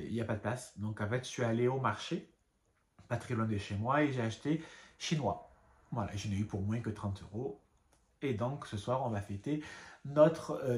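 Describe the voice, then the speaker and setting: A man's voice: mid-range voice, reverberant. A man casually showing his craft supplies in a home vlog, chatty and rambling with many fillers and asides. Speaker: craft vlogger. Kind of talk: casual show-and-tell vlog.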